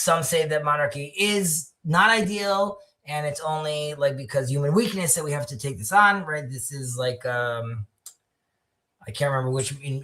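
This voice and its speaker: A man's voice: on the high side, bright, forceful tone. A man hosting an online discussion, explaining prayer texts while searching for his words. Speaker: host.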